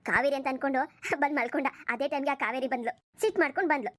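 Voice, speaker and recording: A woman's voice: high-pitched, very fast, fairly bright tone. A woman voicing a teasing young cousin. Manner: teasing, innocent-sounding. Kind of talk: cartoon voice acting.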